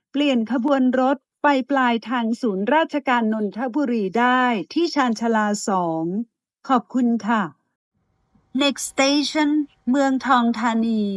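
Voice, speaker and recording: In a clear, high voice, a woman politely delivers a formal train announcement in two languages, pausing evenly between phrases at a slow pace. The recording is dry and intimate, with no echo from the room.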